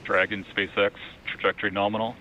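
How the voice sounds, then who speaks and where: A man's voice: on the low side, little pitch movement, fast talker, bright, forceful tone. A man at mission control giving terse, clipped procedural callouts over a space radio transmission. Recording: muffled lo-fi radio feed with static.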